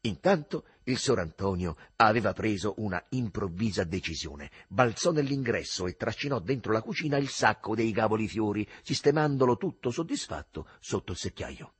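Male audiobook narrator, husky and animated, dry close sound. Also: on the low side, moderate pace, few pauses, dry recording. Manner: lively expressive reading.

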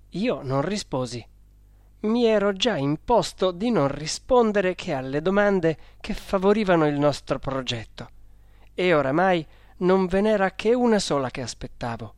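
A reader narrating a storybook in a calm, measured way. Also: mid-range voice, no echo, clean studio sound.

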